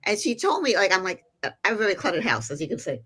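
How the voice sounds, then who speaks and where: A woman's voice: mid-range voice, very animated, fast, pushed and bright, husky. A woman co-host talking in a gushing, effusive way, chatty and full of like and you know. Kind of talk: casual chat.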